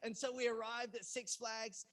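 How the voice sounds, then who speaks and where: A male pastor from England preaching a sermon, telling a personal story and acting out the dialogue with sudden loud bursts. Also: extremely high pitch, moderate pace. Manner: animated storyteller who acts out quoted lines with loud outbursts. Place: church in Los Angeles.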